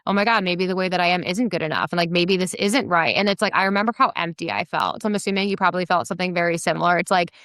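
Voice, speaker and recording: A woman hosting a podcast who asks eager questions and shares her own story in a quick, chatty way. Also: lowish voice, fairly bright tone, no echo, studio quality. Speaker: podcast host. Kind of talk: interview questions and chat.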